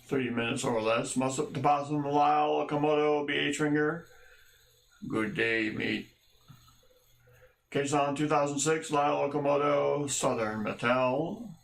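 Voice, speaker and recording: A man's voice: fairly high pitch, fairly even intonation, moderate pace, creaky, reverberant. A man hosting a casual livestream, greeting viewers by name with wry, rambling jokes and asides. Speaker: livestream host.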